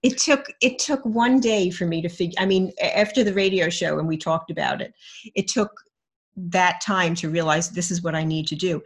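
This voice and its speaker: A woman's voice: fairly low pitch, moderate pace. A woman co-hosting a podcast in casual conversation, talking reflectively and searching for her words. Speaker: podcast co-host.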